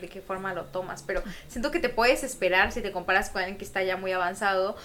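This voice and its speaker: Female guest, fast, chatty delivery, casual interview tone. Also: medium pitch. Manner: quick, lively, chatty. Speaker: guest, independent musician.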